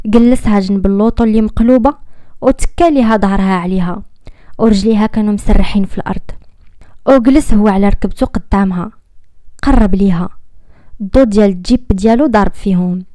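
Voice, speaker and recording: A woman with a Moroccan accent narrating a dramatic romance story in a measured, dramatic manner, recorded close as a voice-over. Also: medium pitch, mellow, no echo. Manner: measured and dramatic, slowing at tense moments.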